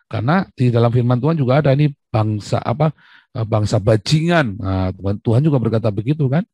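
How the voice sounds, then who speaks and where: Male host, medium pitch, insistent lecturer, dry close sound over a call. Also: brisk, warm tone, slightly rough, dry recording. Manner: emphatic, lecturing, repeats himself. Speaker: livestream host. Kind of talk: live video-call discussion. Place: video call.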